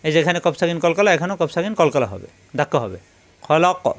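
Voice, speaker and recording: A man teaching recitation step by step, spelling out letters slowly and then chanting the verses in long, drawn-out tones. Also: a little high, sing-song.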